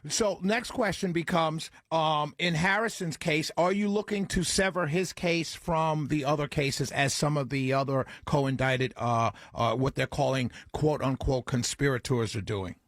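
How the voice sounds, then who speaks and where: A man from the United States hosting a radio interview, asking questions in a courteous, deliberate, halting way. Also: a little high, a bit bright, dry recording, clean studio sound. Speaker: radio show host.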